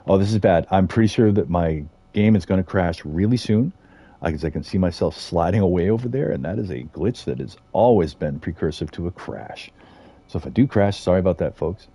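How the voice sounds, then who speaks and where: A man's voice: low-pitched, expressive, a little fast, dark tone, no room sound. A middle-aged man chatting casually as he streams a game, rambling with fillers and small chuckles. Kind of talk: casual gameplay commentary.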